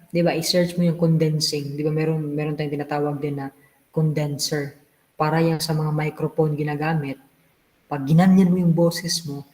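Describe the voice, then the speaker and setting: A man leading an online exam review class, switching between Tagalog and English and teasing the class with quick rhetorical questions. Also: a little high, a little mellow, in a large hall, rough recording. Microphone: video call.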